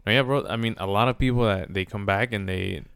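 A man's voice: on the low side, brisk, gravelly, fairly bright tone, clean tone, no echo, studio quality. A man in casual conversation, speaking a little hesitantly and circling back over his phrases.

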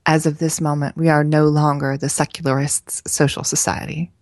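A woman's voice: deep voice, level tone, normal speed, a little mellow, no echo, clean studio sound. Woman reading as a pompous male scientist. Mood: grandiose. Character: grandiose male scientist founding a secret league.

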